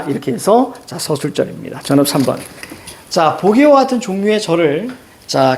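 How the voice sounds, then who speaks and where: Middle-aged male teacher, brisk exam walkthrough, higher voice with very animated pitch. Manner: brisk, keeps saying "자" and checks in with students. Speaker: Korean grammar teacher. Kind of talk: classroom lecture, solving exam questions.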